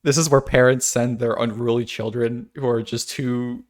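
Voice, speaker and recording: A man's voice: mid-range voice, steady tone, normal speed. Man musing aloud in a video essay. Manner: musing, thinks aloud with restarts and asides. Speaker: video creator. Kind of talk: casual philosophical monologue.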